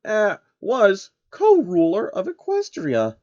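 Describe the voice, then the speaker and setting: Gentle pony princess, man in falsetto, soft, high, airy, storybook fantasy, slightly dull recording. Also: huge pitch swings, slow pace, no echo, exaggerated voice. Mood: shy, friendly. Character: gentle, lonely female alicorn princess, turning angry.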